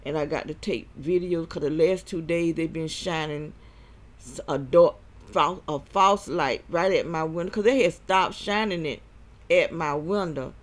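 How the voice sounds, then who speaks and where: A vlogger talks through a rambling personal monologue in a mid-range voice. He speaks haltingly and short of breath, restarting again and again.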